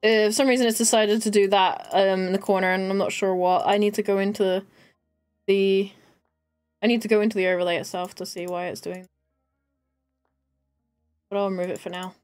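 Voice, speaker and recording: A woman's voice: mid-range voice, level tone, brisk, long pauses, a little mellow, smooth, soft background music. A woman streaming a game, chatting casually with viewers and a friend and laughing often. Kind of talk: casual live-stream chat while gaming.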